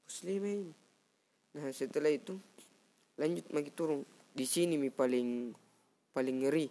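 A young man from South Sulawesi with a Makassar Indonesian accent, telling a story in casual chat on a cheap headset mic, animated and acting out sounds. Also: mid-range voice, normal speed. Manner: animated, mimics sounds and acts out friends' lines. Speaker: guest storyteller.

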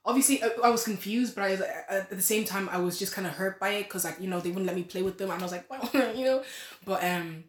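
A woman's voice: mid-range voice, fast talker. Eighteen-year-old woman in a roomy studio. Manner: rambling, restarts, soft laughs. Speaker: guest, nursing student. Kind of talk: casual interview chat. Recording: roomy echo.

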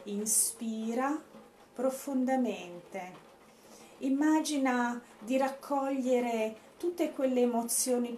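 A woman leading a guided breathing meditation as an instructor, speaking in a deliberate, instructive way with pauses. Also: on the high side, darkish tone. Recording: echoey room, faint background noise.

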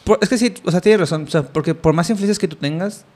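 A man's voice: high-pitched, quick pace, darkish tone. A young man with a Mexican Spanish accent, telling a story in casual chat, rambling with many fillers and restarts.

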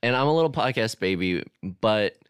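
A man's voice: lowish voice, expressive, normal speed, clear, resonant tone, no echo, studio quality. A young man hosting a casual podcast chat, joking about himself and laughing often. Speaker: podcast host.

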